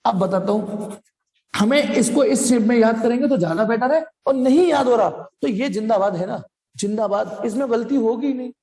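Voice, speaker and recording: A man's voice: extremely high pitch, normal speed, warm tone. A male physics teacher talks his students through problems in a loose, joking, chatty way, calling them "beta" as he goes. His voice carries a long reverb tail, as if recorded in a large, echoing space. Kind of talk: live online class lecture.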